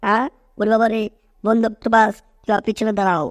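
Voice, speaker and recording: A woman's voice: fairly high pitch, little pitch movement, fast, no room sound, studio quality, close to an everyday voice. A woman voicing Jerry, a cheeky, scheming cartoon mouse who taunts and teases. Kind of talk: cartoon dub acting.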